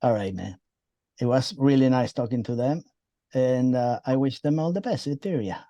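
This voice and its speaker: A man's voice: mid-range voice, moderate pace, mellow, lo-fi sound. A man hosting a casual interview with a band, who rambles and repeats himself as he wishes his guests well. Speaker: interviewer and show host. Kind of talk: casual chat.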